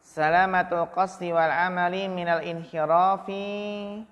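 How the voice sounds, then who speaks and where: A man with an Indonesian accent teaching Arabic grammar to a class. He draws out Arabic phrases slowly, then fires quick questions at students by name. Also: sits high, flat delivery, in a large hall, dull audio. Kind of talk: classroom lesson, calling on students.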